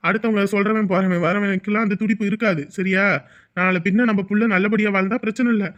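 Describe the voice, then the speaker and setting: A man's voice: high-pitched, steady tone, fast talker, close to an everyday voice. An actor playing a middle-aged village elder who gives patient advice and keeps asking if he is understood. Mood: advising. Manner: patient, advising, checks for agreement. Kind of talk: village family drama acting. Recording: dull lo-fi recording.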